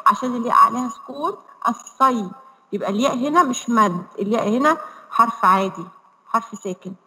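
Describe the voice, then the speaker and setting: A woman with an Egyptian Arabic accent teaches an online reading lesson over a video call, slowly sounding out words syllable by syllable. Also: fairly high pitch, bright, forceful tone, in a large hall, low-quality recording. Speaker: primary school Arabic teacher.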